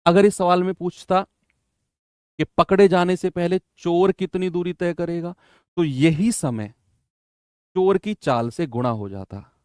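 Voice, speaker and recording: Hindi math teacher guy, chatty coaching vibe, kinda high voice, dry close sound. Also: unhurried, pauses often, darkish tone, clean tone, dry recording. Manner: chatty coaching tone, asks "है ना?" often. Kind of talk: exam-prep math lesson.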